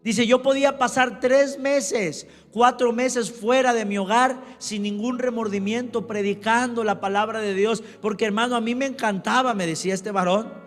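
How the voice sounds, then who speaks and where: A man's voice: very high voice, steady tone, normal speed, hardly any pauses, big-room sound, soft background music. A man preaching a sermon as pastor, emphatic, who keeps calling out to his congregation. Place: church.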